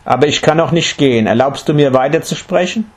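A man's voice: on the high side, pitched above the performer's own voice, close to an everyday voice. A man voicing a noble, selfless male king of the deer in a read-aloud fable, earnest and pleading. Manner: earnest, pleading, slow and solemn. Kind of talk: storybook reading.

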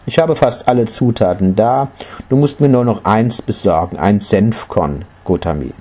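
A man voicing a serene, kindly old sage in a storybook, speaking slowly and calmly. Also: fairly low pitch, breathy edge. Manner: slow, calm, gentle. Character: serene old male sage, calm and kind.

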